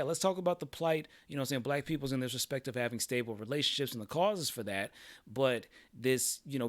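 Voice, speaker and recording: Hosting a livestream, a man with a mid-range voice gives loose, profane reactions, rambling and tossing in "you know what I'm saying" again and again. There is no room sound.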